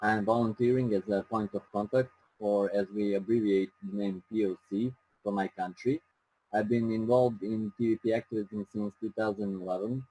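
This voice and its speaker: A man from Serbia with a Serbian accent, giving a careful presentation with frequent pauses. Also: fairly low pitch, dark tone, low-quality recording. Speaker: activist presenter.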